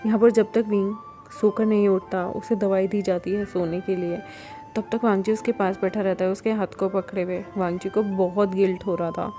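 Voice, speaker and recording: Chatty woman storyteller, mellow voice. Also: mid-range voice, moderate pace, faint music behind. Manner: chatty, animated retelling with asides to listeners. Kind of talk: casual story retelling.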